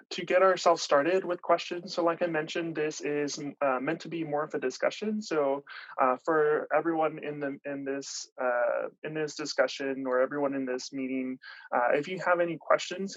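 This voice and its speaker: A man hosting an online panel discussion, speaking with many pauses and filler sounds. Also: medium pitch, fairly bright tone, no echo. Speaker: panel host. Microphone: video call. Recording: dull lo-fi video call audio.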